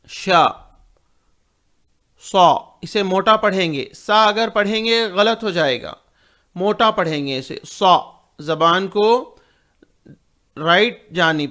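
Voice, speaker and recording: A man teaching letter sounds, repeating each syllable slowly and carefully in a patient drill. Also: sits high, sharp tone. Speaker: Quran reading teacher. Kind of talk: slow pronunciation drill.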